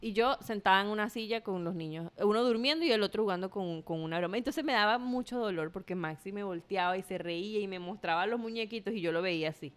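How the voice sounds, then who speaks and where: A woman tells a story in a relaxed, chatty way. Her voice sits at an ordinary middle pitch, and she acts out the quoted lines with a lively delivery. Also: fast talker, hardly any pauses, clean tone. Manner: animated retelling with quoted speech. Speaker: mother telling a story. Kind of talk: casual storytelling chat.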